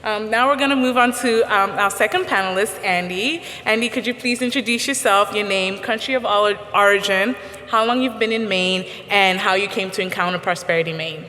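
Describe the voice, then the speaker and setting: A woman's voice: medium pitch, brisk, bright, forceful tone, a little hiss or hum. A woman moderating a live panel, encouraging speakers and asking formal questions. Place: event stage. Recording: echoey hall reverb.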